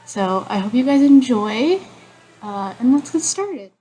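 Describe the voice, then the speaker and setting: A woman's voice: a little high, expressive, unhurried, noisy background. A woman hosting her channel in a casual way, hesitant and full of fillers. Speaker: channel host. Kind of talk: casual vlog narration.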